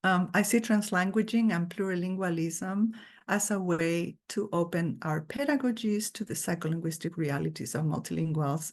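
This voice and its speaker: A woman's voice: low-pitched, a little mellow. A woman guest lecturer giving an earnest, thoughtful academic talk over a video call.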